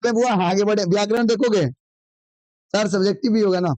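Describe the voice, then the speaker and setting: A man teaching an online exam revision class, firing quick questions and answering them himself, sometimes scolding. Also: high voice, fairly even intonation, darkish tone, no room sound, rough recording. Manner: drilling call-and-response questions, brisk and scolding.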